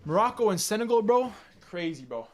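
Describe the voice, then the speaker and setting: A young Canadian livestream host chats casually with his viewers, full of energy and slangy, repetitive talk. His voice sits high and he speaks briskly and very animatedly.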